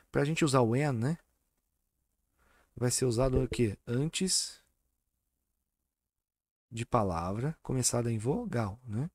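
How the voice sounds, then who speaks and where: A man's voice: medium pitch, a little mellow, no room sound, clean studio sound. A man teaching an online exam-prep English lesson, patient and repetitive, often checking that students follow. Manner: repeats and spells out words slowly.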